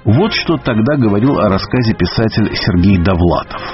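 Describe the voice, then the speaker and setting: A man narrates a scripted radio segment in a brisk, even presenting tone. The sound is dull and muffled like broadcast radio, and music plays clearly underneath his voice. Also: fairly low pitch.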